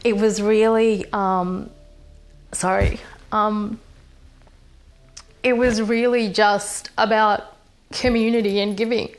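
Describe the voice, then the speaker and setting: A young woman from Fiji, a program manager, giving a hesitant, earnest talk from home with many pauses and fillers. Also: medium pitch, little pitch movement, soft background music. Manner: hesitant, many ums and restarts. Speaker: social impact program manager. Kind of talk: recorded personal talk from home.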